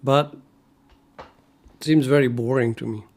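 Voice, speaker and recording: Slow and a little mellow, this medium-pitched male voice keeps a fairly even intonation. He's a native Dutch programmer from the Netherlands with a Dutch accent, casually chatting on his coding stream while thinking out loud, full of fillers and false starts.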